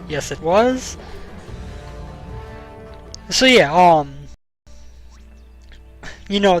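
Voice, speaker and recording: A young man with a fairly high voice hosts a let's play, giving casual gameplay commentary with long explanations and frequent ums. He has the hiccups, and the audio quality is poor.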